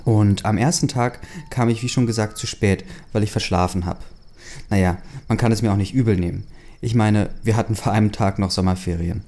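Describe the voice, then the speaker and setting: A man's voice: lowish voice, warm tone. A man casually reading a fan story aloud, hesitant, with many fillers and chatty asides. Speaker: story reader.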